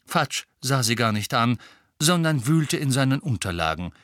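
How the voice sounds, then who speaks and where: A man narrating an audiobook in an expressive, measured way. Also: medium pitch, no echo, studio quality.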